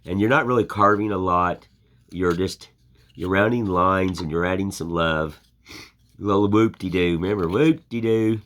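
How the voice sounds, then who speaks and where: Speaking at normal speed in a low yet fairly bright voice, an older American woodcarving channel host shows his work during a relaxed, rambling chat. His manner is folksy and plainspoken.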